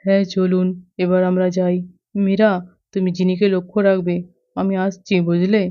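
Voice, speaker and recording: A woman voicing a kindly grown man in a doll story, speaking in a gentle, reassuring tone. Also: fairly low pitch, level tone, normal speed, clean tone, close to an everyday voice. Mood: calm. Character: kindly helpful grown man, calm neighbour. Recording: dull lo-fi dry recording.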